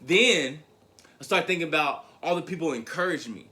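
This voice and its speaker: A young adult motivational speaker tells a personal story in an animated way, often repeating his words and calling the audience "guys." His voice is fairly high, and he speaks briskly.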